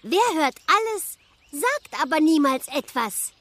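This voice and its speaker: A woman voicing a playful, chatty female crow in a children's radio show, with a high sing-song delivery. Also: big pitch swings, measured pace, a bit bright, full character voice. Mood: teasing.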